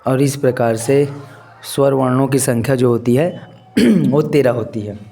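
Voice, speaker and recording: A male teacher giving a lesson, who asks his students questions, answers them himself and repeats key terms slowly. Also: mid-range voice, creaky, mellow, faint music behind. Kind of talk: classroom-style lesson.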